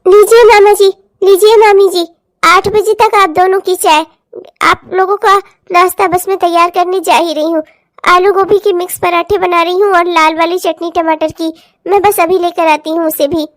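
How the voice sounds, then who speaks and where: A woman's voice: very high voice, fairly even intonation, moderate pace, no room sound, studio quality. A woman voicing a polite, dutiful young daughter-in-law in a cartoon, speaking sweetly and respectfully.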